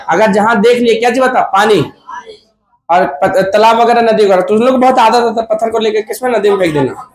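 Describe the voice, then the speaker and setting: Recorded in a reverberant classroom crowded with students, a high-voiced man teaches physics against a noisy backdrop. He keeps asking the class questions, answers them on his own, and jokes with them during the lecture.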